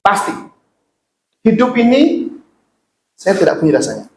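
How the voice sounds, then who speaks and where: A man's voice: high voice, sing-song, measured pace, a little hiss or hum. A man preaching a sermon as pastor, joking and putting questions to his congregation. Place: church hall. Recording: echoey church hall.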